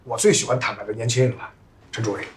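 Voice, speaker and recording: An actor playing a jovial, flattering property boss who toasts his guests. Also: mid-range voice, fast talker, close to an everyday voice. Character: flattering, jovial male tycoon at a banquet. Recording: roomy, from a distance.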